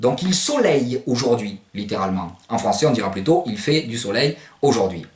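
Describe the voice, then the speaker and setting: A male language teacher explains vocabulary in a didactic way, spelling words out letter by letter. His pitch rises and falls a lot as he talks. He sits well back from the mic, so the room echoes around him. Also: animated, fairly quick. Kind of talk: recorded language lesson. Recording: roomy, distant from the mic.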